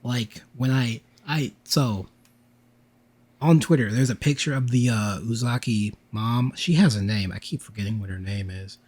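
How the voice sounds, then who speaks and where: A man's voice: mid-range voice, normal speed, darkish tone, slightly rough. A man co-hosting a podcast, telling a rambling story in casual chat and acting out what people said. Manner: rambling storyteller, acts out quotes. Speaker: podcast co-host.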